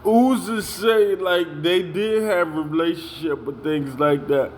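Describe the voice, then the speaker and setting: Young new guy venting about work drama, kinda high voice, slow drawn-out delivery, faint hum behind. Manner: heated, repetitive, street slang, says "yo" a lot. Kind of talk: casual storytelling rant.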